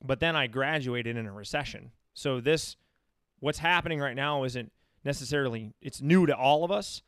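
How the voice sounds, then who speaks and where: A man's voice: mid-range voice, moderate pace, a bit bright, clean tone, no room sound, clean studio sound. An American man in his thirties talking casually and at length, telling anecdotes as an interview guest. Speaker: interview guest, running coach. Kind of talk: casual chat.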